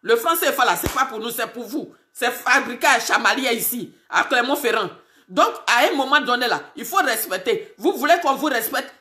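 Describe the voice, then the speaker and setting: A woman's voice: a little high, sharp tone, roomy sound. A woman activist from Côte d'Ivoire, speaking to camera in an indignant tone and hammering home rhetorical questions. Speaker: political activist. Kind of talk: impassioned address to camera.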